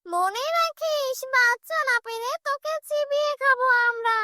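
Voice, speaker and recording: A cartoon ghost woman, menacing and greedy, hisses her threats in a very high, shrill voice as a woman puts her on. The delivery is drawn out and threatening. The sound is dry and close to the mic. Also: a little slow, sharp tone, no echo, exaggerated voice. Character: menacing female shakchunni ghost demanding a child.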